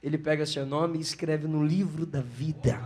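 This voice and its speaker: A man preaching a live sermon with a Brazilian Portuguese accent, telling stories with animated delivery. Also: on the high side, normal speed. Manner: animated storytelling, acting out voices. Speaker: pastor.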